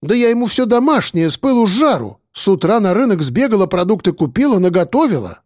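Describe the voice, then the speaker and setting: A man putting on a fussing high-voiced caring woman. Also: very animated, fast, darkish tone, no room sound, clean studio sound. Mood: indignant. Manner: chiding, doting.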